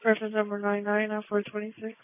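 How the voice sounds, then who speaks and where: A woman police dispatcher giving clipped, monotone radio calls, heard over a police radio. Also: mid-range voice, fast. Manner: clipped, monotone call-outs. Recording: tinny radio transmission.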